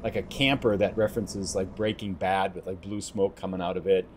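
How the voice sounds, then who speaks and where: A man with a fairly low voice talks through his gameplay in a relaxed, chatty way, thinking aloud as he goes. Faint game noise sits behind his voice. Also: a little fast. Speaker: let's play host. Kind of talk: casual gameplay commentary.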